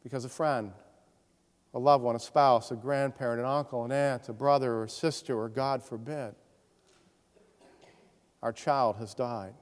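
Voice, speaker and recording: A middle-aged man, a pastor, preaching a sermon in a storytelling manner, dropping softly low in sad moments and rising for emphasis. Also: steady tone, measured pace, long pauses. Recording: long hall reverb.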